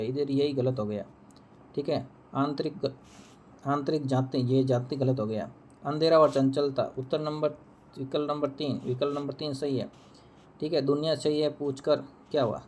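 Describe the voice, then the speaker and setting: A man's voice: mid-range voice, mellow. Repetitive male Hindi teacher. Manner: repeats answers, asks and answers own questions. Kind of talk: exam answer key walkthrough.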